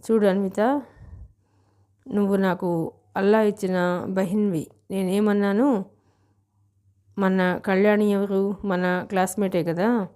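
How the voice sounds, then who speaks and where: Woman reading a loud drunk young man. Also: sits high, flat delivery, clear, resonant tone. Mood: drunk, rowdy. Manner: loud, slurred and slow.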